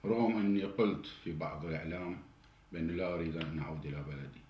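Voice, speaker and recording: This Iraqi political commentator, a man in his forties with an Iraqi Arabic accent, speaks very fast in a low voice, addressing the camera indignantly and getting louder and more heated. The setting is an indoor study with a flag and cabinet, recorded with noticeable room echo and slight hiss.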